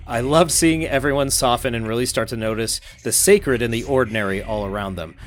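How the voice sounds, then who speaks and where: A man co-hosting a casual podcast, reading listener messages aloud in an upbeat, animated way. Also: mid-range voice, brisk, a little hiss or hum. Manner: upbeat, reads quotes aloud with animated emphasis.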